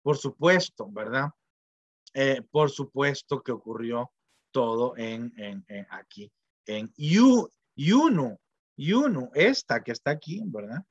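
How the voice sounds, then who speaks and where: A man's voice: medium pitch, animated, takes it slowly, dry recording. A middle-aged man, lecturing in a loose, digressive way with frequent tag questions and fillers. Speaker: professor. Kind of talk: informal university lecture. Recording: dull, dry lo-fi lecture audio.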